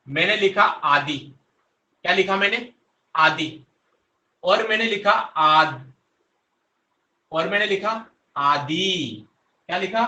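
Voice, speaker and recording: A young male teacher with a high, bright voice leads an online grammar class. He coaxes his students, repeats his own questions and answers them himself. The sound bounces around an echoey room. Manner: coaxing, addresses students directly.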